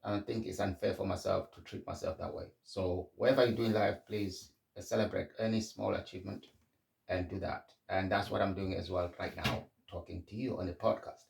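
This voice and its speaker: Reflective Zimbabwean man, gravelly and low. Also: level tone, fairly quick, a little mellow, echoey room, distant mic, a little hiss or hum. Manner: candid and conversational, frequent restarts. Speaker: podcast host. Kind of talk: reflective solo podcast monologue.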